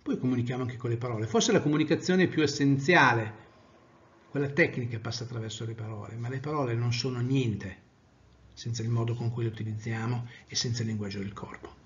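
A male trainer giving an animated lecture, swinging from loud to soft to demonstrate tone. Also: mid-range voice, a little fast, dull audio. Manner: animated, varies volume widely, demonstrates tones of voice.

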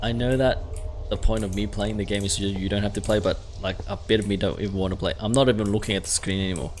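A man's voice: on the low side, fairly even intonation, fast, slight background noise. A man in his thirties giving casual, sweary commentary on a horror game, sounding scared and jumpy. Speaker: video game streamer. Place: indoor room at home. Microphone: close desk microphone, wearing headset.

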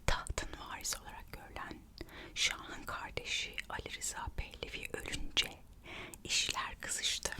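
A storyteller whispers an ASMR narration, reading aloud and adding gossipy, musing asides. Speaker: ASMR host narrating royal history.

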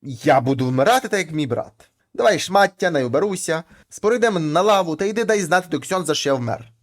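Storybook: greedy rich brother, read by a male narrator, higher than usual. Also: lively intonation, a little fast. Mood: demanding. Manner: plain folk-tale speech.

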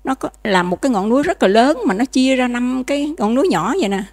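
A nun, giving a dharma lecture in a conversational way and often checking that listeners follow. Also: female voice, on the high side, lively intonation, fast, darkish tone. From Vietnam. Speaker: Buddhist nun teaching.

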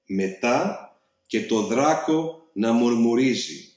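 Animated man reading rhymes aloud. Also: mid-range voice. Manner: theatrical, sing-song rhyming delivery. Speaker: reader. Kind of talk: rhyming storybook reading. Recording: very echoey room.

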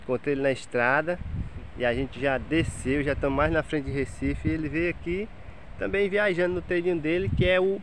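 Brisk and steady, with a voice that sits a little high, a man in his thirties vlogs a cheerful walking tour of a windy seaside campground. The casual walkthrough is shot on a handheld phone, and loud wind roars across its microphone.

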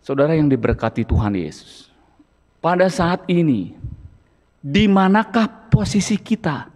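A man's voice: a little high, expressive, unhurried, darkish tone, in a large hall. A man preaching a sermon as a church deacon, earnest and emphatic, often turning to the congregation. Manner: earnest, emphatic, addresses listeners as brothers and sisters. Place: church hall.

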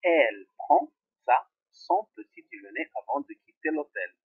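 A man teaching French grammar to pupils, repeating each example slowly. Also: gravelly. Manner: slow, repeating examples, very lively pitch. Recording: tinny phone-like sound.

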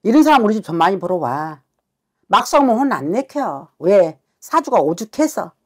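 A woman's voice: medium pitch, sing-song, normal speed. A woman shaman harshly scolding a client during a consultation. She swears as she berates, and keeps demanding answers. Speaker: shaman fortune teller.

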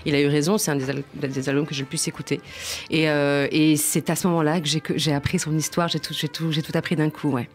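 A woman's voice: low voice, little pitch movement, fast talker, soft background music. A woman answering as a guest on a radio show, hesitant and restarting her sentences. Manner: hesitant, many restarts and fillers. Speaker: guest singer and actress. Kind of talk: casual interview answers.

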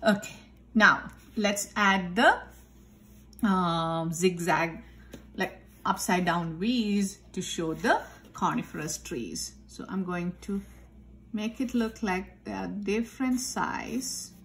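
Slow patient woman art teacher. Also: medium pitch, fairly bright tone, slight background noise. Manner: patient, talks through each step as she draws. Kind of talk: step-by-step drawing lesson. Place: indoors at a desk. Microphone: overhead camera filming the tabletop.

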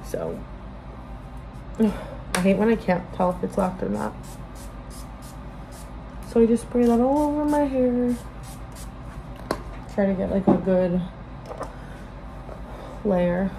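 A woman's voice: mid-range voice, slow pace, long pauses. A woman, chatting casually and in a rambling, informal way to a phone camera as a vlogger. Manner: rambling, informal, self-interrupting. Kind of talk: casual get-ready-with-me chat to camera. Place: indoors in a small bedroom-like room. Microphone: phone propped at arm's length. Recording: noisy room phone recording.

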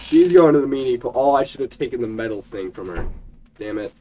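Young male gaming commentator, excitable and jokey, chatty with on-screen characters, medium pitch. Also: a little fast, slight background noise, poor audio. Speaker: gaming YouTuber. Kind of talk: let's play commentary.

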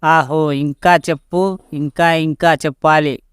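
A man's voice: on the high side, steady tone, takes it slowly, clean tone, no room sound, clean studio sound. A man voicing a teasing, affectionate young woman in a spoken love story, asking playful questions.

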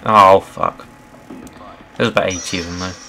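A man's voice: low-pitched, fairly even intonation, moderate pace, gravelly, background noise. Swearing young man narrating his gameplay. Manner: swears freely, shifts between mutters and outbursts. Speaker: gaming channel host. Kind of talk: casual gameplay commentary.

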